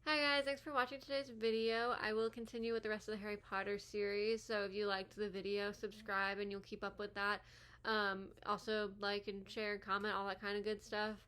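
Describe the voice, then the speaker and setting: Bright-voiced woman talking with a retainer in. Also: medium pitch, fairly quick, smooth. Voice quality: slightly off speech from wearing a retainer. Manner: animated, slangy, frequent "like". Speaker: host of a movie commentary video. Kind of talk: casual reaction commentary.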